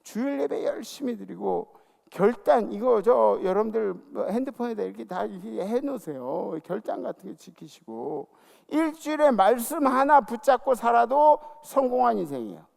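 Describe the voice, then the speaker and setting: A middle-aged man preaching a sermon as senior pastor, calling out to the congregation and dropping into soft asides. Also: normal speed, creaky. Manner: lively preaching, calls for audience response; drops to soft, low asides. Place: church sanctuary.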